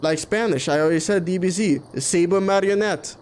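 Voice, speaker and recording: A Papiamento-speaking man from Curaçao in the Caribbean streams a game, chatting casually and opinionatedly over the gameplay against a clearly noisy background. His voice sits high and darkish, and he talks briskly.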